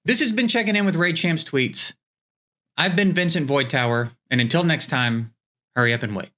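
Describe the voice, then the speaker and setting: A man's voice: a little high, normal speed, fairly bright tone. A man hosting a comedy show, reading fake tweets aloud in a bemused way with stammering restarts.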